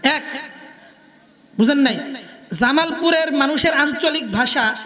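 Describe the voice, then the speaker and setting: A man's voice: very high voice, unhurried, bright, forceful tone, in a large hall. A man preaching a sermon in a Jamalpur Bengali accent, in a singsong delivery that keeps quizzing the crowd.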